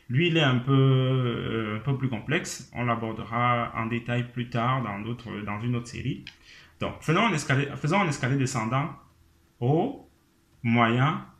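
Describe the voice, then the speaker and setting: A man's voice: mid-range voice, fairly bright tone. A man teaching a language lesson in a patient, explanatory way, humming and singing tone examples. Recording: roomy echo.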